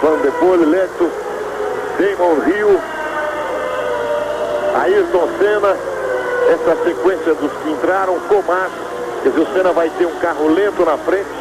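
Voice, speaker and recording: A man's voice: high voice, measured pace, long pauses. A man with a Brazilian accent giving live motorsport commentary of a qualifying session. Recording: loud engine noise behind the voice. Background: racing car engines and track noise.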